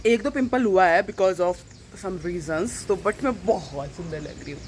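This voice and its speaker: A woman's voice: fairly low pitch, a little slow, a little mellow, slight background noise. A woman, chatting in a rambling, casual way in a daily home vlog, often mixing in English phrases. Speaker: vlogger.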